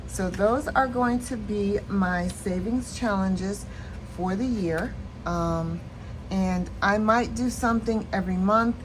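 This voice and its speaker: A woman casually walking through her savings challenges in a planner vlog, relaxed and chatty with many fillers, tired and yawning late at night. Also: medium pitch, slow pace, background noise. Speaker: planner and budgeting vlogger. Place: at home at night.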